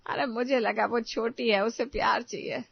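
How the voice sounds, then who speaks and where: A woman's voice: a little high, fairly even intonation, moderate pace, creaky, slightly rough, no echo, dull audio. A woman voicing a stern but hurt middle-aged mother-in-law who pleads and defends herself. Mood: regretful.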